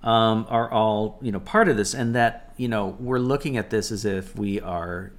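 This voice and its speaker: A man's voice: fairly low pitch, moderate pace. A man co-hosting a casual podcast, reading passages aloud and talking them through with many fillers and restarts. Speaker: co-host.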